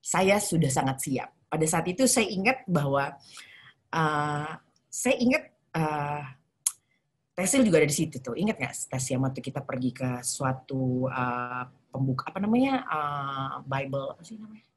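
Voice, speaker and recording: A woman's voice: low voice, lively intonation, normal speed, husky. A middle-aged woman from Indonesia giving an emotional spoken testimony on a video call, switching between formal talk and slang with English phrases mixed in. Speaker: guest speaker sharing testimony.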